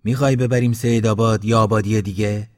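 A man's voice: on the low side, fairly even intonation, lightly acted. A man voicing a stern village headman who scolds the others.

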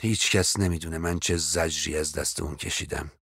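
A man's voice: a bass voice, fairly even intonation, gravelly, fairly bright tone, breathy edge, no echo, studio quality, exaggerated voice. A man voicing a melodramatic, self-pitying older woman who is a famous actress, stretching out her sighing lines theatrically. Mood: melodramatic sorrow.

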